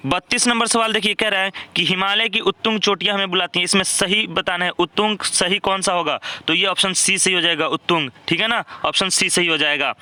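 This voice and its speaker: A man's voice: high-pitched, bright, forceful tone, clean tone. A young man working through exam questions as a teacher, explaining step by step and checking in with "right?" after each answer. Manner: repeats "thik hai na" often, explains step by step.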